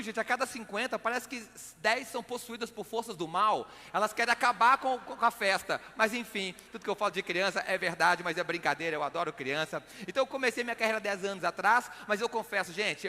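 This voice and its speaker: Brisk and sharp in tone, a high-voiced man from Belo Horizonte, Brazil, performs comic stage talk in a hall with reverberant sound. He has a Minas Gerais accent and works as a magician, comedian and motivational speaker, a conversational showman who repeats words for emphasis.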